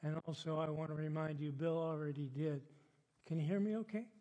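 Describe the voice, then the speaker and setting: An older man preaching a sermon as the church pastor, chatty and unhurried, with frequent laughs and filler words. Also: a little high, steady tone, dark tone, muffled recording. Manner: chatty, slow, laughs often, many fillers. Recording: long hall reverb. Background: congregation responding.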